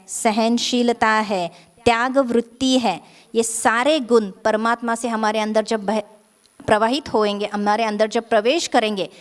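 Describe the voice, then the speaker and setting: Calm woman guiding a meditation session. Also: a little high. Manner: calm, measured, gently instructive; Hindi with English words mixed in. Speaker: spiritual speaker and meditation guide. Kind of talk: spiritual talk and guided meditation. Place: meditation centre event.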